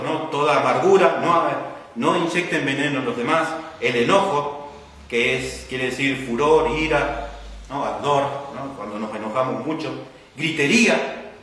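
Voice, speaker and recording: A man's voice: medium pitch, a bit bright. A man with an Argentine accent preaching a sermon, teaching patiently and checking in with the congregation with frequent "¿no?" questions. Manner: teacherly, asks the congregation questions and tags lines with "¿no?". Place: church hall. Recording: echoey church hall from a distance.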